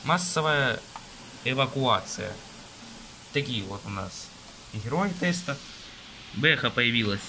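Filmed from above by a phone camera at an indoor table as rain falls outside, a young man flips through a car magazine page by page. He lists things in a halting, filler-heavy way, with a medium-pitched, expressive voice over some background noise.

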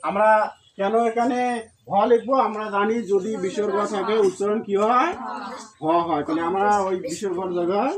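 With crowd noise around him, a man whose voice sits high gives a pronunciation lesson, answering his own questions. He divides words into syllables and chants verse slowly in a tune.

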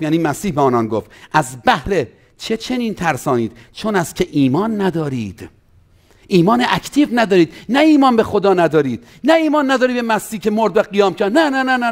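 A male pastor delivering an animated sermon, often acting out quotes in other voices. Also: high voice. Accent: Persian. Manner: animated preaching with acted-out quotes.

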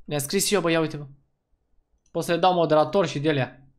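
A man giving let's-play commentary as a gaming YouTuber, excitable and slangy, breaking into loud whoops. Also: a little high.

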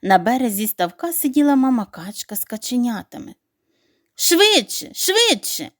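A woman narrating a children's bedtime story in an expressive, animated reading voice. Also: on the high side, brisk, dry recording, studio quality.

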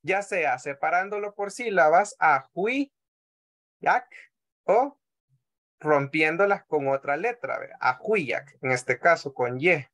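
A man with a Salvadoran Spanish accent teaching a language class over a video call, patient, often repeating words slowly and checking in with the class. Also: on the high side, expressive, fairly bright tone.

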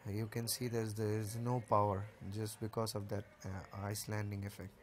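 A man's voice: fairly low pitch, little pitch movement, moderate pace, a little hiss or hum. A man walking through a rooftop solar installation, explaining each part step by step in a plain, casual way, with the odd filler. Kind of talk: casual technical walkthrough.

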